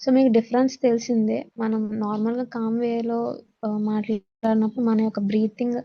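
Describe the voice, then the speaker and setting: A woman with a Telugu accent lectures in a slightly high, flat voice at a somewhat quick pace, and the recording sounds muffled. She switches between Telugu and English, weaving English terms and notes she reads aloud into her instructional explanations.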